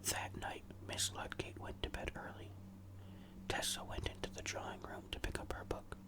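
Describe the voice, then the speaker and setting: A storyteller reading a ghost story in a hushed, suspenseful whisper, deliberate and fully unvoiced, in an ASMR style.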